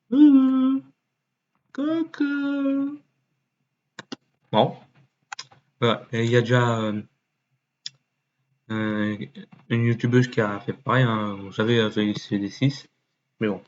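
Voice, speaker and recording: A man's voice: on the low side, steady tone, unhurried, long pauses. Man, casual thinking-aloud commentary, mutters and swears, fillers, dull lo-fi mic, faint hiss. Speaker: YouTuber. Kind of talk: casual screen-recording commentary.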